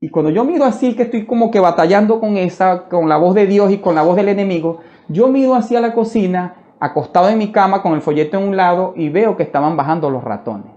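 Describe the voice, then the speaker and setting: Fervent male preacher, dark muffled sound. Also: high voice, lively intonation. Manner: fervent, repeats "hermano", slow emphatic phrases. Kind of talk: sermon testimony. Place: church.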